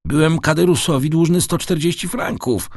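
A man's voice: medium pitch, sing-song, a little slow, dry recording, studio quality, pitched above the performer's own voice. A man voicing Edmund Dantès, an earnest young sailor. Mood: anxious. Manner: earnest and urgent.

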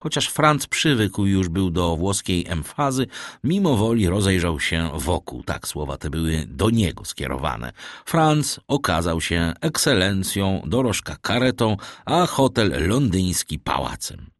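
A man narrating a classic novel as an audiobook in a measured storytelling manner. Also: low voice, sing-song, no room sound, clean studio sound.

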